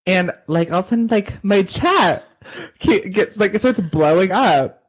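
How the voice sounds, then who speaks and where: A man's voice: high-pitched, expressive, a little slow, husky. Chatty man telling a story on a call. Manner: chatty storyteller, many fillers and restarts. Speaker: podcast co-host. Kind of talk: casual chat.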